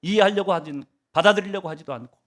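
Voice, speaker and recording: A man's voice: high voice, quick pace, fairly bright tone. A male pastor delivering a Sunday sermon, asking the congregation rhetorical questions and swinging his emphasis up and down.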